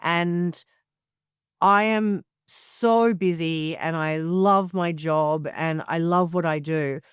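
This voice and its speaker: A woman in her forties, a journalist guest on a podcast, telling stories frankly and with lively energy. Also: fairly low pitch, slow pace, clear, resonant tone, dry recording, studio quality. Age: 40s. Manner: animated storyteller, frank and swearing. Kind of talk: candid casual interview.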